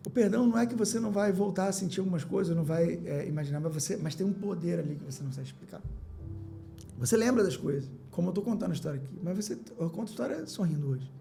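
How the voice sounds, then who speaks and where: A man's voice: high-pitched, rapid-fire, gravelly, warm tone, soft background music. A middle-aged man, a business owner and podcast guest, telling a personal story with emotion, repeating phrases and acting out his own past words.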